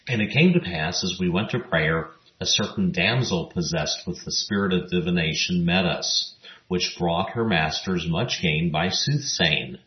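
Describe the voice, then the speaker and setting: A man with a very low voice delivers scripted Bible teaching at an unhurried pace. He reads the scripture passages in a measured, even manner. The sound is roomy and a little muffled. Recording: roomy, dull lo-fi recording.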